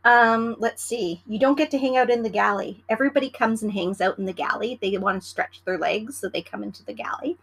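A woman's voice: on the high side, brisk, gravelly, few pauses, breathy edge, low-quality recording. Chatty woman, former flight attendant. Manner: chatty, animated, acts out passenger exchanges. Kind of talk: casual solo podcast chat. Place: at home in the evening.

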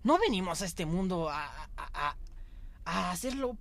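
A man's voice: high voice, very animated, unhurried, creaky, fairly bright tone, no room sound. A young man hosting his podcast, delivering an earnest, exhorting motivational monologue that repeats phrases for emphasis. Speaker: podcast host.

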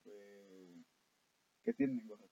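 A man's voice: on the low side, slow pace, no room sound. A man with a Mexican accent co-hosting a casual horror film podcast, joking in slang and searching for words. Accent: Mexican Spanish. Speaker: podcast co-host. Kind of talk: casual chat about horror films. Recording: dull dry lo-fi audio.

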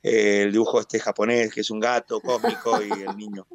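Proud Argentine announcer, dry sound. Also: male voice, on the low side, moderate pace, no room sound. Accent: Argentine Spanish, Mar del Plata. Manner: animated storyteller, proud and expansive. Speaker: sports stadium announcer. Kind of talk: radio interview.

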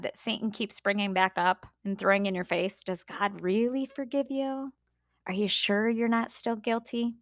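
A woman reading a Bible passage aloud and then giving a devotional talk that asks the listener gentle questions. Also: mid-range voice, dry recording, studio quality. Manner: steady unhurried reading with small slips.

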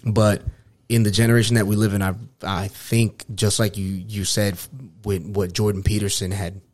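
Low-voiced, earnest man hosting a podcast. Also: flat delivery, dry recording. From New York, United States. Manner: earnest, halting with repeated phrases. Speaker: podcast host. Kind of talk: casual podcast chat.

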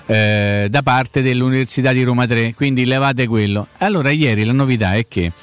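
A man's voice: medium pitch, moderate pace, smooth, soft background music. A man with a Roman accent chatting casually about football as a talk show host, colloquial, repeating himself for emphasis.

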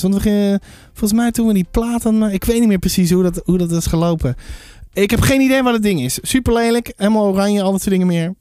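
A woman's voice: medium pitch, a little mellow, no room sound, clean studio sound. A woman in her thirties from Drenthe hosting a podcast, chatting casually and rambling with many fillers and restarts. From Drenthe, Netherlands. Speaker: podcast host, book reviewer. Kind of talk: casual chat.

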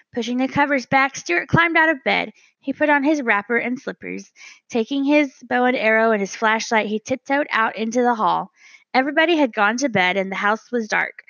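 A woman reading a children's storybook aloud as narrator, measured and gentle. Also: on the high side, gravelly, dry recording, highs cut off. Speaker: audiobook narrator.

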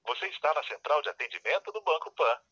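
A man's voice: a little high, sing-song, fast, bright, forceful tone, slightly rough, dry recording. A Brazilian man reading scripted phone prompts in a polite, informal customer service voice, heard over a telephone line. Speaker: automated bank phone line voice. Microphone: recorded prompts heard over a phone call. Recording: dull telephone-line recording.

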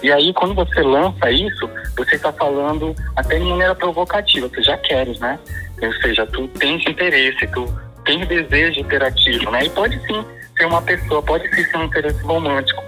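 Bright-voiced man from Pará explaining. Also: fairly high pitch, a little fast, soft background music, low-quality recording. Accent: Paraense Brazilian Portuguese. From Pará, Brazil. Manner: didactic, explains at length. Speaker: guest discussing slang. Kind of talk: explanatory casual chat.

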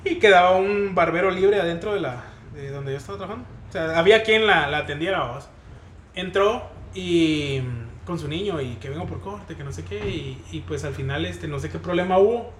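A man's voice: a little high, fairly quick, a bit bright, echoey room, slight background noise. A man, a barber chatting casually in an interview, slangy and laughing often. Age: 20s.

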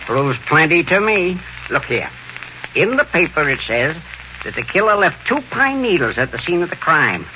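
A man playing an excitable, nosy old hotel clerk with folksy, stammering speech in 1940s radio style. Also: on the high side, normal speed, muffled recording, heavily acted. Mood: gossipy. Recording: old radio recording, faint noise.

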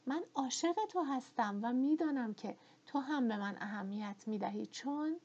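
A woman voicing a young woman desperately pleading for her love, with a breathy, slightly muffled tone. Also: on the high side, animated, darkish tone, pitched above the performer's own voice.

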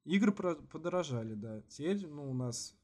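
A man co-hosting a podcast in casual, slangy chat with swearing, halting with many false starts and repeats. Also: a little high, lively intonation, a little mellow. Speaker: podcast co-host.

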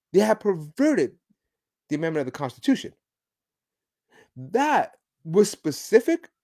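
A man's voice: fairly high pitch, darkish tone. A man hosting a podcast, giving an emphatic, ranting political commentary monologue. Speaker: podcast host.

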